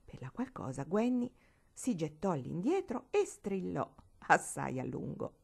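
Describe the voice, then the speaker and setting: Expressive woman reading a novel aloud. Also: lowish voice, measured pace, vocal fry, slightly rough. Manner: expressive, with lively character voices. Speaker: audiobook reader. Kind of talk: expressive audiobook narration.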